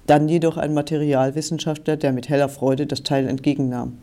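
A man narrates a story in steady, scripted audiobook style. His voice sits a bit higher than most men's, with a mellow, soft-edged tone. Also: fairly quick.

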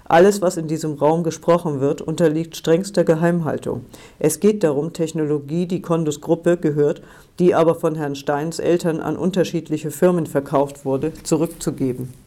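Man narrating a novel, slightly high voice. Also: steady tone, moderate pace, dark tone. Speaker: audiobook narrator.

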